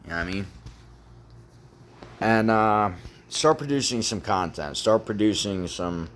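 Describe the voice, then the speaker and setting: A man giving a casual motivational talk in a deep, firm voice, repeating his points with emphasis and casual swearing. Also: measured pace, fairly bright tone, slight background noise. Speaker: motivational vlogger.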